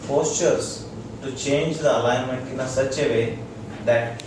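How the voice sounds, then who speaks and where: Heard through noise and room echo from a distant mic, a doctor with an Indian accent speaks a little slowly in a steady, medium-pitched voice. He teaches integrative medicine informally to a small room audience. His explanations come in short, repeated phrases as he checks that listeners are with him.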